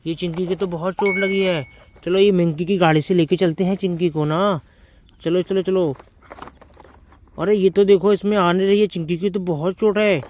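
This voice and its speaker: Man, high voice, toy-play narrator for kids, eager, mouths engine noises. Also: moderate pace, slight background noise. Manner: excited, keeps calling out to children, makes vehicle sounds. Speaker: toy video narrator for children.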